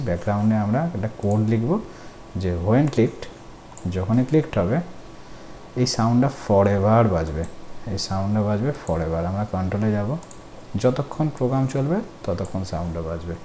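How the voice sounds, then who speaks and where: Dark-toned and lowish, this man's voice moves fairly quickly as he walks students through a coding class step by step, patiently, posing questions along the way. It's a screen-recorded tutorial with faint background noise.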